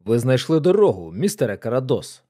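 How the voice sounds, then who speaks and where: A man voicing a loud, blustering older military colonel who speaks abruptly and exclaims. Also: mid-range voice, very animated, a little fast, voice pushed down.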